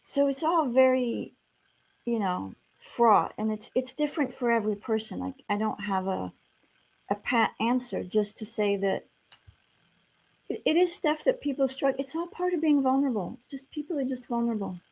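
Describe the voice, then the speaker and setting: A woman's voice: on the high side, normal speed, gravelly, a little mellow. A middle-aged woman from France with an American accent, a therapist talking frankly and reassuringly in a casual interview, with many "you know" fillers. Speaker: sex therapist guest.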